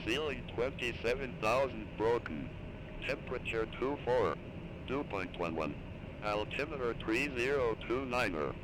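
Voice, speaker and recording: Automated airport weather broadcast, male voice, measured number-by-number read, mid-range pitch, clear background noise. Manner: flat, measured, reading weather and runway numbers.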